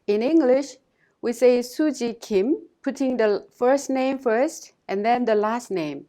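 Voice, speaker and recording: A woman teacher giving a scripted language lesson in a measured, instructive way, pausing to model phrases for listeners to repeat. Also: on the high side, lively intonation, mellow.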